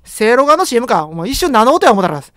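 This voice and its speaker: Fast-talking, jokey Kansai-accented young man. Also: extremely high pitch, big pitch swings, bright, forceful tone, no room sound, studio quality. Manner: joking, rambling, self-deprecating banter. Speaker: game streamer. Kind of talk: horror game let's play commentary.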